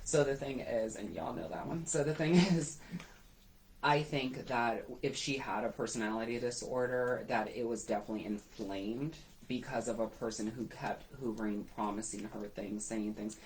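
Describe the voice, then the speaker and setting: A woman's voice: very deep voice, normal speed, slight background noise, low-quality recording. A woman hosting a talk, telling her story in a candid, conversational way and quoting others as she goes. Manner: animated, quotes others in passing. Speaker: host and business owner.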